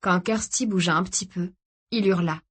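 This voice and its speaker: A woman reading a novel aloud as an audiobook narrator, steady and even. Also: lowish voice, normal speed, husky. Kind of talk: scripted narration.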